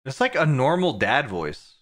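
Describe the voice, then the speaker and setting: A man's voice: mid-range voice, very animated, normal speed, fairly bright tone. A man streaming live, reacting to clips with crude jokes and frequent laughter. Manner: crude, joking, laughs often. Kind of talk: casual live-stream commentary.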